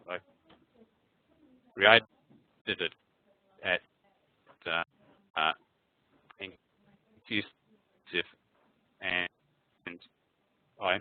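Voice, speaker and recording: A man demoing software over a video call, talking haltingly with many fillers while his audio breaks up into choppy fragments. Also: low voice. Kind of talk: live software demo. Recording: dry tinny video call line.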